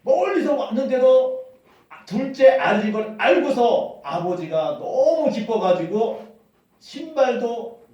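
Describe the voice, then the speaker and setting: A male pastor preaching a sermon as animated storytelling, acting out the quotes. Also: very high voice, slow pace, muffled recording. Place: church hall. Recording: echoey hall from far off.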